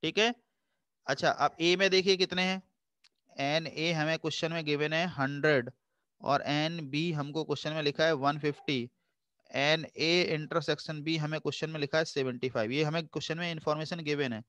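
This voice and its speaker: Patient male math teacher, crisp dry voice. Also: on the high side, steady tone, fairly bright tone, dry recording. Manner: patient, coaxing, calls students "beta"; slows down to read formulas aloud in English. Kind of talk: math revision lecture.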